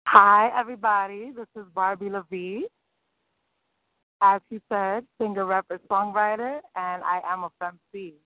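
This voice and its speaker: A singer and rapper from New York City answers interview questions as a guest, upbeat, eager, and laughing easily. Her medium-pitched voice is steady and unhurried, and the recording sounds dry and tinny, like a phone, with no echo.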